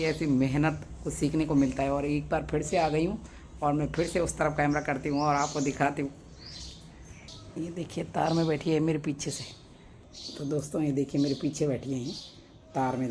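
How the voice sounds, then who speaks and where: A woman from Uttarakhand with a Pahadi Hindi accent, vlogging from her sunny rooftop balcony on a phone camera, keeping her voice low and soft so she does not scare the birds. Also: a little hiss or hum. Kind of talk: casual vlog narration. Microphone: phone camera held by the speaker.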